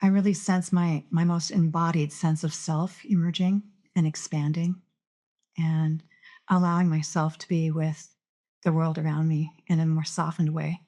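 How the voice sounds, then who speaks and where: A woman's voice: sits low, little pitch movement, moderate pace, mellow. A woman guest on a podcast, speaking thoughtfully and earnestly about her experience, with small restarts. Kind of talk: reflective conversational interview.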